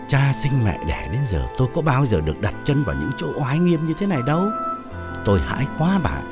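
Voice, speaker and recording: A man voicing a boastful older male fortune teller spinning a story with a husky voice. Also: medium pitch.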